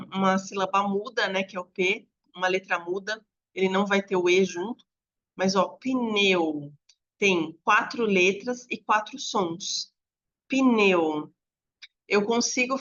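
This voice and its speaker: Patient woman teacher for an online lesson; bright tone, slightly dull recording. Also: medium pitch. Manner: patient, explains slowly with drawn-out examples. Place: home apartment with dogs barking nearby.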